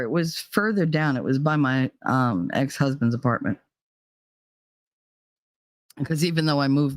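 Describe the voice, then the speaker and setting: A middle-aged American woman from New Jersey hosts a casual live talk show, her low voice recorded dry with no echo. She's blunt and teasing, and she swears freely.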